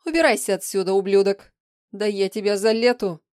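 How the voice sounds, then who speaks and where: A woman's voice: medium pitch, expressive, normal speed, darkish tone, dry recording, clean studio sound, voice pushed up, close to an everyday voice. A woman voicing a volatile young woman's vicious, mocking alter ego in an audiobook reading, snarling and hurling insults. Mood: furious.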